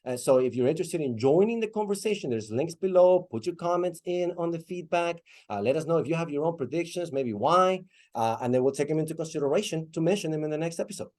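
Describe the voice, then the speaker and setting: An upbeat man hosts a casual podcast chat. His voice sits on the high side and swings widely in pitch. He laughs easily and his phrasing rambles loosely. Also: animated, fast, few pauses, darkish tone. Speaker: podcast host.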